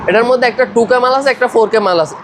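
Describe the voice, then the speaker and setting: A man rattles through a shopkeeper's sales pitch at top speed. His voice sits fairly high, and his patter is repetitive. Faint traffic noise hums behind him in a roadside shop. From Bangladesh. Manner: fast, repetitive selling patter.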